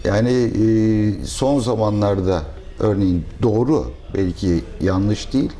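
A middle-aged restaurant owner answers interview questions in a measured, thoughtful way, with pauses and fillers. He's on a lapel mic in the restaurant's dining room, his voice on the low side and mellow, with slight background noise.

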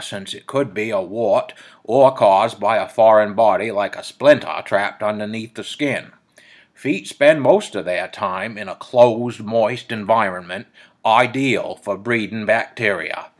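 A man reads an article aloud in a Downeast Maine accent. His voice sits on the low side, and his delivery has a folksy New England plainness to it.

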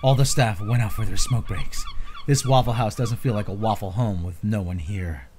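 A man's voice: fairly low pitch, huge pitch swings, normal speed, darkish tone, slight background noise. A man giving an informal, slangy, theatrically exasperated reading of social media posts.

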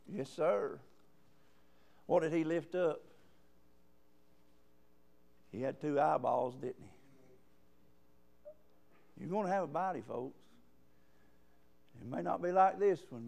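A man preaching a sermon in a church, punctuating his points with calls of "amen" and rising to loud emphasis. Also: on the high side, expressive, a little slow, creaky, pauses often. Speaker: guest preacher. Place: church sanctuary.

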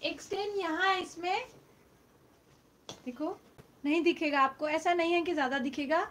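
A middle-aged woman selling used silk sarees on a live stream from home, speaking loudly into her phone and repeating the prices. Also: very high voice, normal speed, a little hiss or hum. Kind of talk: live-stream sales chat. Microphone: phone mic, no external microphone.

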